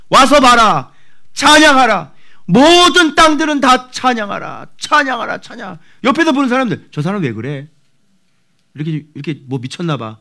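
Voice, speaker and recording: Preaching an expository sermon in a church, this pastor in his forties speaks at a medium pitch. His delivery is lively, and he throws in shouts while voicing characters.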